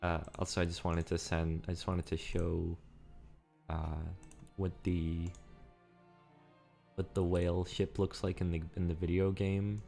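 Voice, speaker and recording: A man's voice: low-pitched, flat delivery, a little slow, gravelly, long pauses, dark tone, faint music behind. A man reading aloud casually as a streamer, adding his own commentary as he goes.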